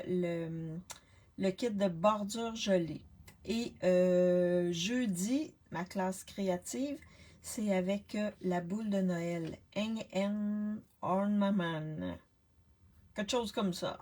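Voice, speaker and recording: A retired woman hosts a live card-making chat from her home workspace. She speaks slowly into a laptop webcam at a middling pitch. Her talk is loose and friendly, full of fillers, restarts and greetings to viewers. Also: darkish tone. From Canada. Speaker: card-making demonstrator hosting a live stream. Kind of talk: casual live-stream chat. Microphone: laptop webcam on a desk.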